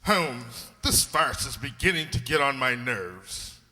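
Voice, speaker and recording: A bright, animated voice from a man plays an earnest gentleman doctor. He is a blustery, slightly pompous loyal companion in radio-play style. The sound has a hall's long reverb. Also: mid-range voice, takes it slowly, full character voice. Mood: agitated. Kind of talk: radio play acting and narration. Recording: echoey hall.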